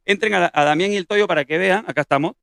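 A man's voice: high-pitched, quick pace, creaky, fairly bright tone, no room sound, clean studio sound. A man hosting a live show in casual chat, repeating short phrases insistently. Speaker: host of a live prank-call show.

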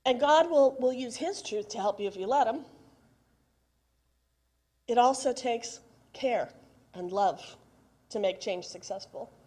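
A woman's voice: on the high side, measured pace, pauses often, dark tone. A middle-aged woman, preaching a sermon in a conversational way and putting questions straight to the congregation. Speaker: pastor.

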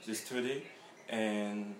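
A man who grew up in France, a guest in a casual interview, talking haltingly and searching for his words. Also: on the low side, fairly even intonation, slight background noise. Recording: roomy echo.

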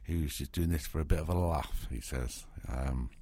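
A man's voice: very deep voice, moderate pace, warm tone, dry recording. A male podcast host reacting to a clip in casual commentary, thoughtful and hesitant with fillers.

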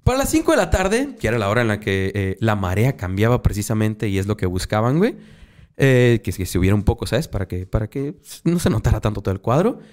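Slangy Mexican man with lively, swooping pitch. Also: quick pace. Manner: slangy, swearing. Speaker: podcast host telling a story. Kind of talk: casual storytelling chat.

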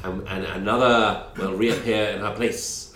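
A man's voice: fairly low pitch, flat delivery, measured pace, a bit bright, voice pushed down. A man voicing a bumbling, showy male stage magician whose grand patter comes out muffled, as if heard from inside a closed cabinet. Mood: grandiose. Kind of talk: tabletop game voice acting. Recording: roomy echo with faint music.

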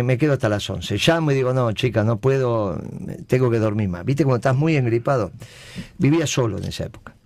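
A man with an Argentine Rioplatense accent hosting a radio talk show, telling stories in a lively, chatty way and often asking "¿viste?". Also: medium pitch, creaky. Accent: Argentine Rioplatense Spanish. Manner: animated storyteller, repeats "¿viste?". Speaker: radio host. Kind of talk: casual radio conversation.

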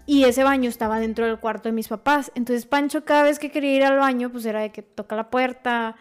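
Young woman, bright smooth high voice, storytelling podcast guest, laughs a lot, faint music behind. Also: fairly quick. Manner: lively, laughs often, restarts phrases. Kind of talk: casual storytelling.

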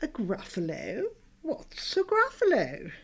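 Slinky storybook snake played by a woman, luring, drawn-out, slow, animated. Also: fairly high pitch, breathy edge, exaggerated voice.

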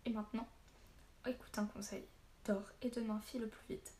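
Gruff, stern tavern keeper, read by a woman, blunt and flat-voiced in a storybook reading. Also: fairly high pitch, moderate pace, a little hiss or hum, natural voice. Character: gruff middle-aged male tavern keeper.

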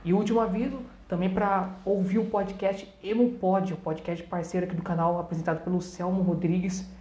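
A woman's voice: on the low side, fairly even intonation, a little fast, mellow, a little hiss or hum. A woman with a Brazilian Portuguese accent hosting a podcast in casual, slangy, rambling talk full of asides. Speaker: podcast host. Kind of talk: casual chat with channel announcements. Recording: roomy, echoing sound.

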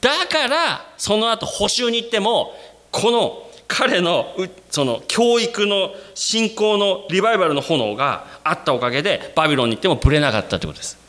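A man preaching a sermon to his congregation, speaking to them directly. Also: moderate pace. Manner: animated, addresses the congregation directly; acts out quoted voices with sudden jumps in pitch. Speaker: pastor.

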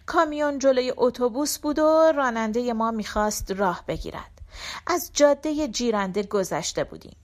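A woman reading a short story aloud as an audiobook narrator, in a measured, even manner. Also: a little high.

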